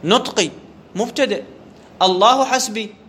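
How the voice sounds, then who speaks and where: A high-pitched, bright, forceful male voice delivers an Arabic grammar lecture at a moderate pace, with a faint hiss or hum in the recording. The teacher questions the class, responds to those questions himself, and keeps repeating the central terms.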